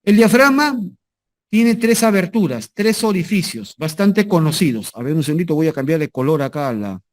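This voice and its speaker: A man's voice: fairly high pitch, big pitch swings, moderate pace. A man teaching anatomy in a lecture, repeating key terms, asking if students follow and adding jokey asides. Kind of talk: medical lecture with slides.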